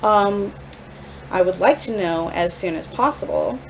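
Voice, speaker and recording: A woman's voice: on the low side, lively intonation. Woman leaving a firm voicemail. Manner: firm, formal complaint, measured. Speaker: tenant and mother. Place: apartment, indoors. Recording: slightly muffled, faint background noise.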